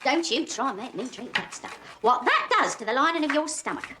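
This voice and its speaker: An actress playing a chatty, earthy former barmaid in middle age who talks in a homely way and laughs easily. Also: female voice, high voice, animated, brisk, very noisy. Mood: homely, frank.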